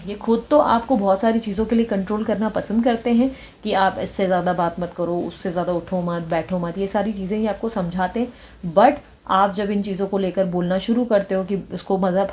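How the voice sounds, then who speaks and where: A woman's voice: medium pitch, darkish tone. A woman giving a tarot reading, talking straight to the viewer, mixing in English words and often checking in with the listener. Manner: mixes English words and phrases into her talk. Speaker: tarot reader.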